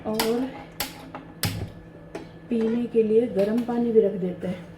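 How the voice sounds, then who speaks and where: A woman in her thirties narrating her daily home chores in a soft, hushed voice-over, chatty and confiding. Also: on the high side, steady tone, takes it slowly, background noise. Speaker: home vlogger. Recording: roomy home voice-over with faint ambience.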